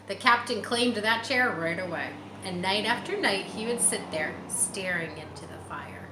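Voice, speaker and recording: In a mid-range voice at normal speed, a woman reads a children's chapter book out loud and explains things simply for young ears. The recording carries a roomy echo and slight background noise.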